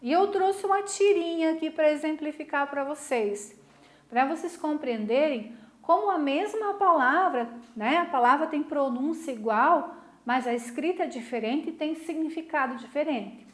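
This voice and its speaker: Lively high-voiced woman teacher. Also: moderate pace, echoey room. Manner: lively, questioning, warm teacher talk with "né?" tags. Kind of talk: recorded online class lesson.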